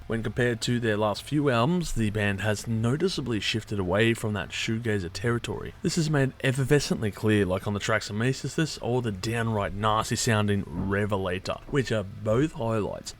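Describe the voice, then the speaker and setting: A man's voice: on the low side, a little hiss or hum. A man delivering a scripted album review in a sarcastic, irreverent way with casual swearing. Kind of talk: scripted music review monologue.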